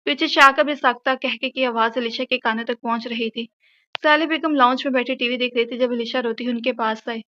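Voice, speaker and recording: A woman narrating a romantic audio novel in a steady storytelling manner. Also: fairly high pitch, a little fast, dull audio.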